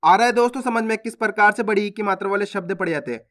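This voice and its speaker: A man teaching Hindi reading, sounding out syllables slowly and stretching each word, with quicker explanations between. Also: sits high, a bit bright. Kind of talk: slow phonics lesson, drawn-out syllables.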